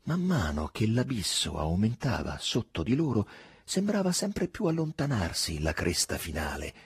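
A man narrating a literary novel in an expressive, measured reading. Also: lowish voice, breathy edge, no room sound, clean studio sound. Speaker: audiobook reader.

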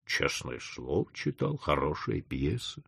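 A man voicing a gruff, ironic male boss who mocks and blusters. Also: sing-song, measured pace, a bit bright, full character voice. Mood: calm. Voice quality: low, mocking.

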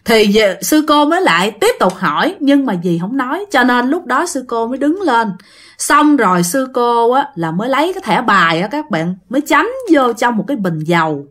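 A woman's voice: a little high, big pitch swings, normal speed, fairly bright tone. A woman telling a ghost story in a chatty way, speaking straight to her listeners. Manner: chatty, addresses listeners directly.

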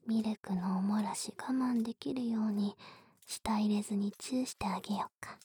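A woman in a whispered role-play of intimate pillow talk, very breathy and soft, teasing and coaxing with touches of baby talk. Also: mid-range voice, fairly even intonation, normal speed, no echo.

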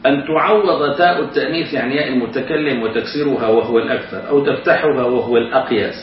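A man works through a grammar lesson, explaining each rule step by step and slowing down to chant his examples. He sits well back from the microphone in a very echoey room. The recording is dull and lo-fi, with a faint hiss underneath. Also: medium pitch, recorded from a distance. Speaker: Arabic grammar teacher.

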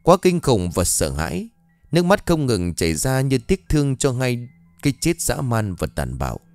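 A man's voice: medium pitch, moderate pace, no echo, soft background music. Man narrating a horror story expressively. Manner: expressive, dramatic. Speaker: audiobook narrator.

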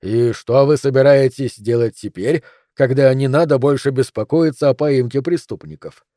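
A grave doctor, acted by a male reader, speaks slowly and deliberately. The voice is mellow and dark, and the recording is dry. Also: mid-range voice, no echo, close to an everyday voice. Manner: slow, measured delivery.

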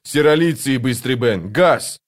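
A man voicing a tense male assassin who barks loud, urgent warnings in an audiobook. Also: mid-range voice, animated, normal speed, lightly acted. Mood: urgent shouting. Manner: loud barking commands.

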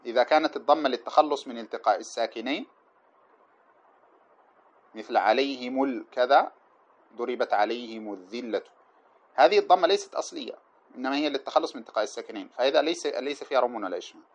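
A man teaching a class on an old didactic poem, chanting the verses slowly and then explaining them in quick, plain lecture speech. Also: medium pitch, animated. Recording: dull lo-fi lecture recording.

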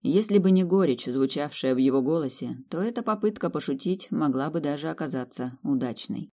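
A narrator reading a romantic novel aloud as audiobook narration, expressive and even. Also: mid-range voice, fairly quick.

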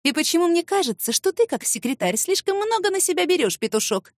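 A woman's voice: very high-pitched, very animated, a little fast, no room sound, studio quality, pitched above the performer's own voice. A woman voicing a spiteful, catty young female office rival who sneers and hurls accusations. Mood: mocking.

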